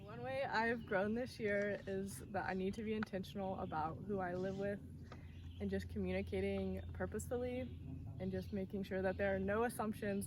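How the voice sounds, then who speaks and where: Young female volunteer, thoughtful and even, mid pitch, recorded far off with noise. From Denver, North Carolina. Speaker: service corps member. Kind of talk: personal reflection to camera. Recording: distant mic, noisy background.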